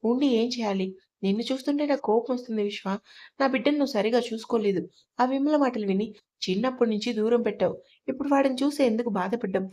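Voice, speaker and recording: A woman's voice: on the high side, quick pace, dark tone, lightly acted. A woman voicing a grieving, reproachful mother. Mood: bitter. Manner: anguished, accusing. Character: grieving middle-aged mother, bitter and reproachful.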